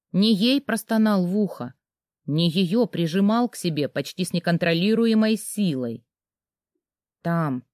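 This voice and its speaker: Woman narrating an audiobook, lively. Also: on the low side, no room sound, studio quality.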